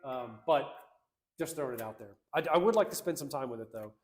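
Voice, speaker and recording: A man's voice: medium pitch, lively intonation, fairly quick, echoey room. A man co-hosting a casual livestream, reading out chat comments in an upbeat, slangy, rambling way.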